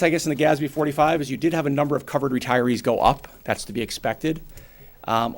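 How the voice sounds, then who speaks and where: Speaking with vocal fry in a mid-range voice, a New England man in his forties walks a town board through a financial presentation at a public meeting. His style is brisk and plain, and he leans on everyday examples.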